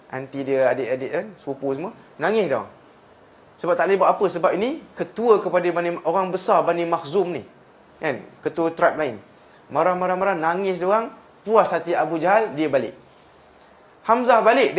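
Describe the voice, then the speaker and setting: A Malaysian man giving a storytelling lesson to a class, his voice pitched fairly high for a man. He mixes Malay and English as he goes and repeats words over and over to drive a point home. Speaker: religious lecturer.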